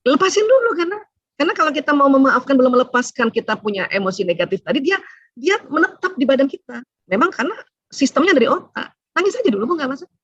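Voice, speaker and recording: A middle-aged woman doctor giving a chatty seminar talk to women, often adding "ya" as she explains, with sudden rises and hushed asides. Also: high voice, very animated, fast, dry recording, muffled recording. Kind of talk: seminar lecture to a women's audience.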